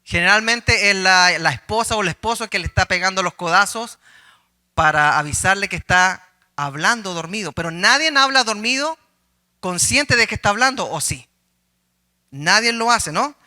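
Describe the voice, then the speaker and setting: Bright-voiced storytelling male pastor. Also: high voice, animated, moderate pace. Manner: chatty storytelling with humor and rhetorical questions. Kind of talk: conversational sermon.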